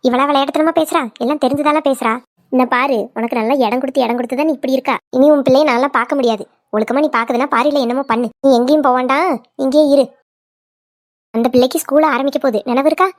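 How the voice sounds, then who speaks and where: A woman's voice: sits high, steady tone, quick pace, no room sound, studio quality, close to an everyday voice. A woman playing a nagging old village mother-in-law. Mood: scolding. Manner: nagging, scolding. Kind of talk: cartoon voice acting.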